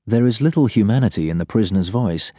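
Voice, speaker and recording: A man's voice: lowish voice, expressive, fast, dark tone, no room sound, studio quality. A man reading scripted fiction as an audiobook narrator.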